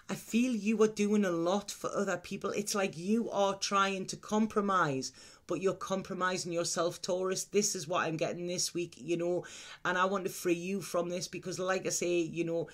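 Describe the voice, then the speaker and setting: A man's voice: sits high, steady tone, normal speed, a bit bright. A man giving an unscripted mystical horoscope reading as a tarot reader, speaking straight to the listener with reassuring advice and frequent checking tags.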